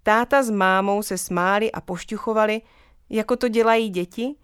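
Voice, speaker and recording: A woman reading a children's story aloud in a gentle, even storytelling manner. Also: medium pitch, clear, resonant tone, no room sound, clean studio sound.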